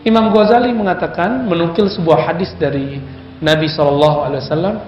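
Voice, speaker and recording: A man preaching a sermon in a lively, conversational way, often putting questions to his audience. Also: a little high, quick pace, roomy sound, muffled recording, soft background music. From Indonesia.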